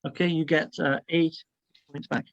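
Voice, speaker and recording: A man's voice: fairly high pitch, steady tone, normal speed, lo-fi sound. A man running a tabletop role-playing game as game master, narrating it in a hesitant, piecemeal way.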